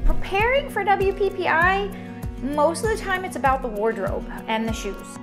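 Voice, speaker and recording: A woman's voice: very high voice, lively intonation, normal speed. A woman speaking in a light, breezy way in a casual interview. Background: music.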